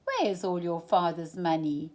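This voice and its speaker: A woman's voice: on the low side, sing-song, measured pace, darkish tone. A woman voicing a small, watchful male cricket from a children's storybook, urgent and admonishing as a scolding conscience.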